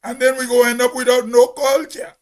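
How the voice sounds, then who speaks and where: A man's voice: very high voice, little pitch movement, fairly quick. A Grenadian man giving a spoken commentary in an emphatic, preachy way, as if on radio.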